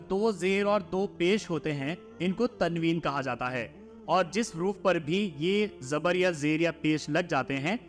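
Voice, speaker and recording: A man with a notably high voice leads a step-by-step recitation lesson. He calls out each letter and its sound in a steady, repetitive drill. Faint music plays softly underneath. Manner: drills letter sounds in slow repeated patterns. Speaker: Quran reading teacher.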